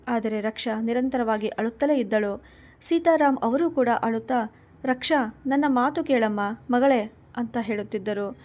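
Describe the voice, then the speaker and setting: A woman reading a scripted story aloud in an even, measured way, reading the quoted lines within her narration. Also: on the high side.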